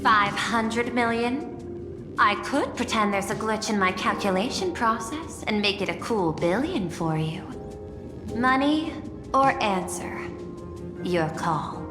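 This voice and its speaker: An actress playing a cool, calculating artificial intelligence chief executive in a game, formal, composed and precise, with a dry teasing edge. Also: female voice, mid-range voice, animated, takes it slowly, echoey room, in a large hall, over music. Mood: coolly bargaining. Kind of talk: dramatic game voice acting.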